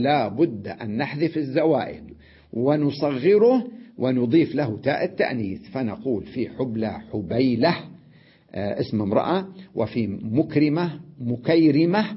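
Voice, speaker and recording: Husky-voiced man teaching grammar. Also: medium pitch. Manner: explains step by step, often asks "تمام؟" and adds "نعم"; drawn-out "آه" fillers between points. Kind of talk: classroom grammar lesson. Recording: dull lo-fi lesson recording.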